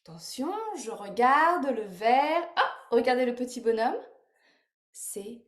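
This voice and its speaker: A woman teaching a class of young children, animated and sing-song as she acts out emotions for them. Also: on the high side, slow, reverberant. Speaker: French teacher.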